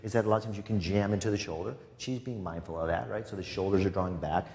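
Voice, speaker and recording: A deep-voiced man teaches a yoga class in a studio full of students, his words trailing off into a long echo. He gives relaxed posture cues and drops playful, chatty asides along the way. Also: fast. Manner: chatty, joking asides between calm cues. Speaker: yoga instructor. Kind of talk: guiding a live yoga class. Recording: long reverb in a studio room.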